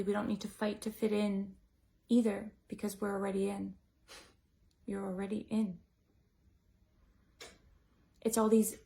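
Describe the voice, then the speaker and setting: Woman breathwork teacher, gravelly voice, kinda flat, gentle rambly talk with lots of likes. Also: mid-range voice. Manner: gentle, musing, with many "like" and "you know" fillers. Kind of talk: reflective teaching talk to a group.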